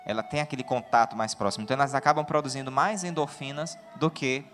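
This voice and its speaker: A man with a Brazilian Portuguese accent preaching a sermon in a lively, joking way, often putting questions to his listeners. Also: mid-range voice, fast talker, soft background music.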